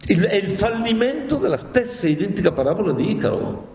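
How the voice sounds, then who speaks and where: A man giving a lively public talk, lecturing theatrically and with animated drama. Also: high-pitched, a little fast. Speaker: speaker lecturing on Dante. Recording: echoey hall.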